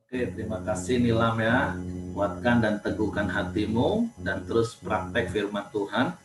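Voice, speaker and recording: A man leading a devotional, responding calmly and encouragingly after a testimony. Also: on the low side, unhurried. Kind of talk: short sermon response. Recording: roomy, distant, noisy audio.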